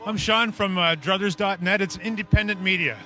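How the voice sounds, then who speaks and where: A man's voice: high-pitched, brisk, bright, forceful tone, soft background music. A man doing a street interview outdoors, earnestly asking long leading questions. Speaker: independent media interviewer.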